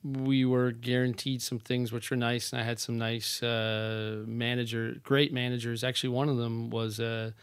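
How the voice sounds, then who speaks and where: A man guesting on a casual podcast, an animated storyteller who likes rhetorical questions. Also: medium pitch, normal speed, hardly any pauses, smooth, no echo. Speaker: podcast guest, real estate agent.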